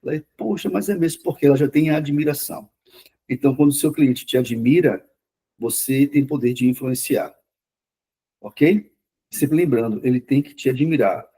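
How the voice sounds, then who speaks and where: A man giving a classroom lecture on therapy, talking quickly and repeating words for emphasis. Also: mid-range voice, mellow, breathy edge. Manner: says himself he talks fast. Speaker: lecturer on mental health therapy.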